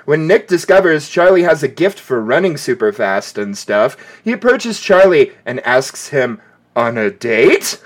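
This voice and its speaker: A podcast host with a playful, animated way of talking who laughs often, with faint music behind. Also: male voice, a little high, moderate pace. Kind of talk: casual podcast chat.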